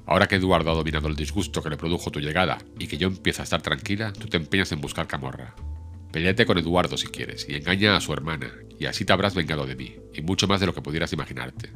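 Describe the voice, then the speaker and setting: A man reading the lines of a proud, fiery young woman in an audiobook, sharp and imperious. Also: rumbling low, quick pace, faint music behind.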